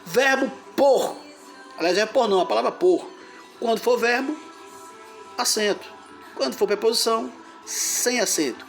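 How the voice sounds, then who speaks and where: A man teaches grammar in a patient, step-by-step way. He repeats each word and sounds it out syllable by syllable. Soft music plays faintly behind him. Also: very high voice, a little slow, gravelly, pauses often. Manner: explains step by step, repeating words and splitting syllables. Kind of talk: grammar lesson.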